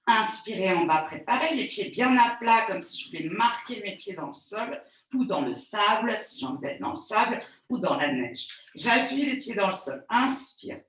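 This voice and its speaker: A woman pilates instructor giving calm, soothing step-by-step cues and counting breaths for a live class. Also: medium pitch, moderate pace. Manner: calm, soothing, gently reassuring. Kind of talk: guided exercise class. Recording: very echoey room, voice far from the mic.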